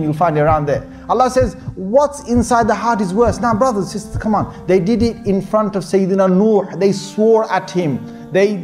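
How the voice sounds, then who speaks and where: A man delivers an informal sermon in a rather high voice. He talks earnestly, circles back on his points, and fills gaps with "you know". Soft music plays faintly underneath. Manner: earnest, repetitive exhortation with many fillers. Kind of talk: informal sermon to a young audience.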